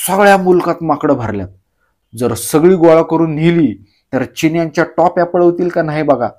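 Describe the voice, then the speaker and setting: A man voicing a sly joking villager who drawls slowly and teases. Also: on the high side, darkish tone, voice pushed up, natural voice. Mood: playful. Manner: slow, drawling, teasing, throat-clearing. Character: sly joking male villager, slow teasing talker.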